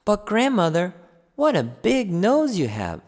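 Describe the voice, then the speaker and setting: A sweet, innocent little girl from a fairy tale, as a male narrator puts her on, answering politely in a raised, lilting voice. Her lines come slowly and carefully. The reading sits in a long, echoey reverb. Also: high-pitched, huge pitch swings, a little mellow, voice pushed up, full character voice.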